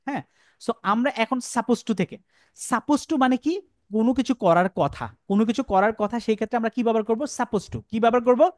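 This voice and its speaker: A man's voice: very high-pitched, moderate pace, a little mellow, no echo, studio quality. A male English teacher giving a classroom lecture, repeating phrases and asking the class questions.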